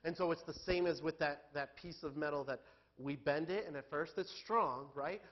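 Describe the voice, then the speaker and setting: A male pastor giving a sermon in a church, talking candidly and conversationally, then building to loud, emphatic peaks. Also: fairly high pitch, moderate pace, dull audio.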